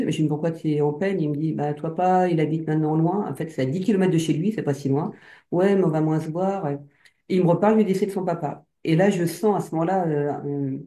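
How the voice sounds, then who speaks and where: Her deep, warm voice carries a casual account of being hypnotized, told haltingly with frequent fillers and false starts. The room's echo is clearly audible.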